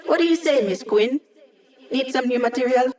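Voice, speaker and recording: A woman's voice: high-pitched, normal speed, a little mellow, close to an everyday voice. An actress playing an upbeat, wry female hacker who gives a squad mission support in a video game, with playful, teasing, casual delivery.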